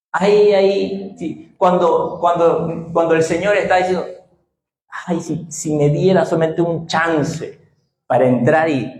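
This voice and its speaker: A male pastor preaching an emphatic call-and-response sermon in a church, often raising his voice to a shout. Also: high-pitched, slight background noise. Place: church sanctuary. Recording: echoey church room.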